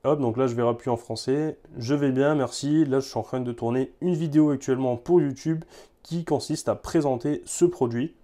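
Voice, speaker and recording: A man with a soft, mellow voice talks through a gadget demo in a loose, easygoing way. He leans on filler words and often repeats himself as he goes. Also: medium pitch, a little fast. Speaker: tech reviewer. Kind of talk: casual product demo.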